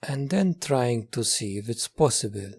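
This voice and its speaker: This meditation teacher is a man whose mid-range voice carries a breathy edge. Calm and unhurried, he offers soft guidance, repeats phrases, and lets long pauses sit between them.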